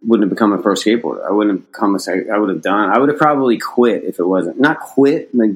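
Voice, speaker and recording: Low-voiced man telling a rambling story. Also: fast, rough recording. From United States. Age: middle-aged. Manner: rambling, many restarts, swears casually. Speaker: podcast guest, skateboarder. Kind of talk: casual storytelling.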